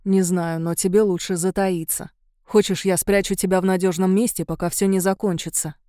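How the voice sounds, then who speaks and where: A stern older witch, voiced by a woman narrator, speaks low, slow and pressing, with a heavy, commanding weight. Her tone is dark and mellow. It sounds like a close, dry audiobook recording. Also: flat delivery, no room sound, lightly acted. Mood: grim.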